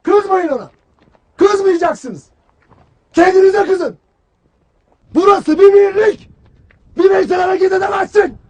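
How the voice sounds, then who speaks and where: Harsh army commander, high strained shouting, barking, cold, relentless. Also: male voice, slow pace, pauses often. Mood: lecturing. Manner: cold, relentless, clipped questioning. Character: stern, harsh male army commander berating soldiers. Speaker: military commander. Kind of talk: film drama acting.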